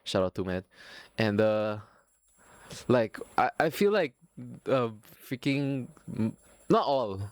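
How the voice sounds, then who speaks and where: A young man from Singapore with a Filipino accent hosts a solo podcast, rambling casually, swearing freely, and mocking himself. His medium voice swings widely in pitch at a slow pace, with no room sound.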